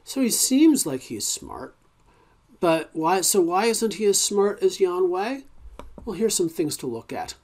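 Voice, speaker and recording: A man's voice: high voice, sing-song, unhurried, a little mellow. A man teaching a recorded college ethics lecture in a conversational way, with many fillers and restarts and wry, informal asides.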